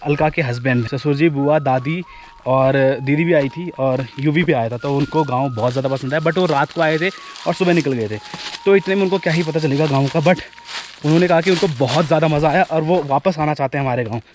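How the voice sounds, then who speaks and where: A man's voice: on the high side, brisk, background noise. A young man from India, chatting casually to viewers as he walks on a forest hillside, often repeating his phrases. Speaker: travel vlogger. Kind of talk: casual vlog narration while walking.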